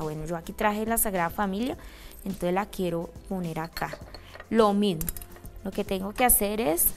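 A craft instructor with a middle-pitched voice demonstrates a handmade craft step by step, with soft music playing faintly behind her. She keeps pausing to make sure her audience is following, often asking "¿listo?".

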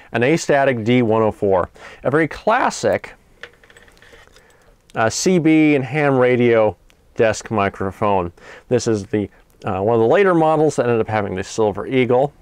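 A man hosting a vintage tech video, talking casually in a relaxed, rambling, wry way, heard through an old carbon microphone in a room at home. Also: mid-range voice, measured pace, long pauses, clean tone, dry recording. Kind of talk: casual demo talk. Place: home room with pillow fort. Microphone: 1930s carbon microphone. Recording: hissy vintage carbon mic.

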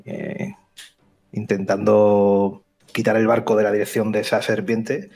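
Gravelly-voiced player thinking aloud. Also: male voice, fairly low pitch, little pitch movement, measured pace, darkish tone. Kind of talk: casual game talk.

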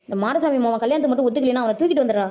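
A woman voicing a scheming old grandmother who is greedy for property in a cartoon, with a bossy, quick-talking manner. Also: sits high, warm tone, close to an everyday voice. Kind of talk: Tamil cartoon voice acting.

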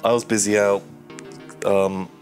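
A man's voice: lowish voice, flat delivery, a little slow, a little mellow, soft background music. A young man co-hosting a casual let's-play, bantering playfully and giggling. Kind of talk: casual gaming chat.

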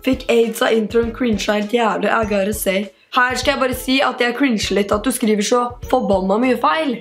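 An eighteen-year-old woman talking casually to camera, with a slightly high voice. She answers comments with sarcastic, snappy retorts, and a faint music bed plays under her. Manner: sarcastic, quick-tempered retorts. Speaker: YouTuber reading hate comments. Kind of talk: casual vlog.

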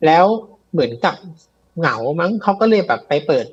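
Husky man telling a ghost story. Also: a little high, very animated, moderate pace, muffled recording. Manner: chatty, loose, with many fillers and repeats. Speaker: guest storyteller of ghost stories. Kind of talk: casual live storytelling.

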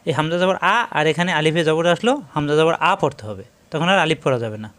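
A man's voice: on the high side, expressive, fast talker, fairly bright tone. A man teaching a Quran recitation lesson, explaining each rule step by step and repeating key points patiently while he demonstrates the sounds.

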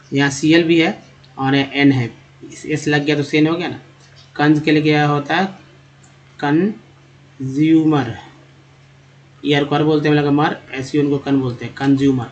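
A man with a Hindi accent teaching English pronunciation in a video lesson, repeating words slowly and calling the viewers friends. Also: on the high side, muffled recording.

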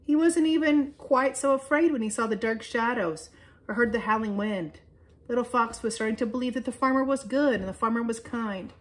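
A woman leading children's chapel, reading a children's story aloud with lively storytelling emphasis. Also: on the high side, normal speed.

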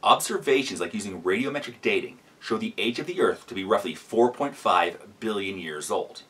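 A man's voice: lowish voice, a bit bright, recorded from a distance. A man hosting a reaction video, giving sarcastic, explanatory commentary.

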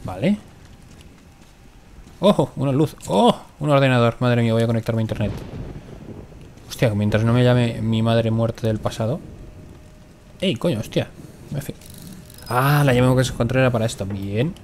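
A man's voice: mid-range voice, normal speed, pauses often, a little hiss or hum. A man from Spain with a Spanish accent, commenting on his own game and swearing a lot when he gets nervous in fights. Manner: swears often, jumpy and excitable in fights. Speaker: gaming commentator. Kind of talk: let's play commentary.

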